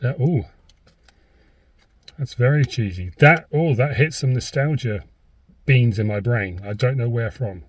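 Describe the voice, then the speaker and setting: British male food reviewer, husky mid-pitched voice, hesitant rambling casual chat, recorded in a car. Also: lively intonation, measured pace, pauses often. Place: inside a parked car.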